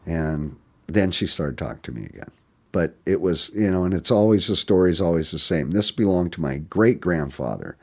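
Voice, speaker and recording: A man's voice: deep voice, expressive, moderate pace, a little mellow. An older man, a violin and bow maker, telling rambling, chuckling anecdotes in an interview. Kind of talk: storytelling in an interview.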